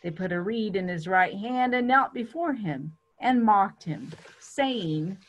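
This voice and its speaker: A woman's voice: mid-range voice, animated, slow pace, a little hiss or hum. A woman giving a dramatic reading of scripture as a church reader.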